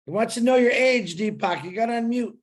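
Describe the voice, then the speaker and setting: A man's voice: very high voice, a little fast. A man on a group call, talking in a playful, teasing way. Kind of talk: casual chat.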